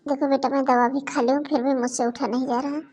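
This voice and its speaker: A woman's voice: high-pitched, little pitch movement, a little fast, a little hiss or hum, lightly acted. A woman voicing a sick, weary young mother in a cartoon moral story. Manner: soft, tired, resigned.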